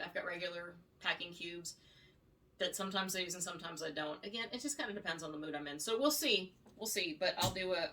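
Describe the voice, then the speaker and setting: Casual woman vlogger, lowish voice, chatty and rambling; recorded at home from a distance. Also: pushed and bright. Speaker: vlogger reviewing luggage. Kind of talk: casual unboxing review. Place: home room. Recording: distant mic, faint noise.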